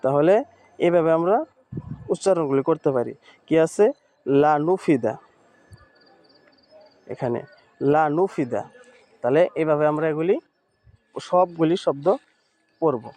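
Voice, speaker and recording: A man teaching Quran reading in an online lesson, patiently spelling out Arabic letters and repeating words slowly. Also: fairly high pitch, mellow. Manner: Arabic letter names in Bengali speech.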